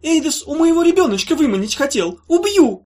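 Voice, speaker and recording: A woman's voice: high-pitched, big pitch swings, brisk, a little mellow, voice pushed up. A woman voicing a vengeful young former witch who scolds sharply. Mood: furious.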